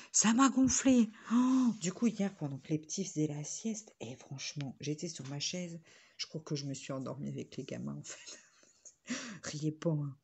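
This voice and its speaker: Husky-voiced woman chatting in a vlog. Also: low-pitched, a little mellow. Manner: rambling, chatty, jumping between topics. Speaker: vlogger. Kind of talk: casual vlog chat while crafting. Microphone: phone on a tripod.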